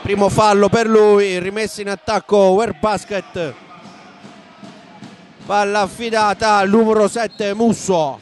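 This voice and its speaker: Man, Italian accent, live basketball commentary, high voice, unhurried pace, faint hall noise behind. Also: steady tone. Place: indoor basketball arena. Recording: noisy sports hall ambience.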